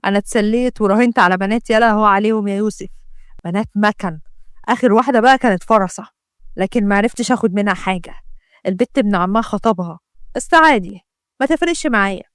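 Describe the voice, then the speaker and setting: A woman's voice: mid-range voice, quick pace, clean tone, no echo, studio quality, pitched below the performer's own voice, natural voice. A woman voicing an arrogant young male cheat with an Egyptian accent, sneering and dismissive. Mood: boastful. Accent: Egyptian Arabic.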